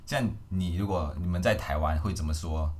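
A man's voice: low-pitched, normal speed, darkish tone, a little hiss or hum. A man from Malaysia hosting a podcast, chatting playfully and mixing in English phrases. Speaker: podcast host. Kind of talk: casual chat.

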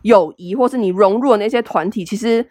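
A woman's voice: mid-range voice, fairly quick, darkish tone, dry recording. A young woman with a Taiwanese Mandarin accent, hosting a solo podcast in a chatty, self-deprecating way full of fillers. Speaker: podcast host. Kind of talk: casual solo podcast advice.

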